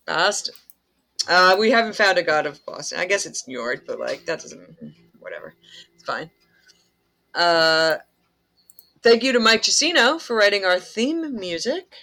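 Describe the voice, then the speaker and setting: A man hosting a podcast, laid-back and quick to laugh. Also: high voice, sing-song, bright, forceful tone. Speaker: podcast host. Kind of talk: casual chat.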